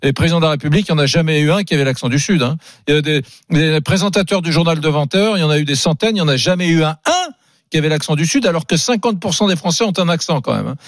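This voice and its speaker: A man's voice: a little high, rapid-fire, no echo, clean studio sound. A male radio talk show host from the South of France, chatting casually with many fillers and restarts. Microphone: studio microphone.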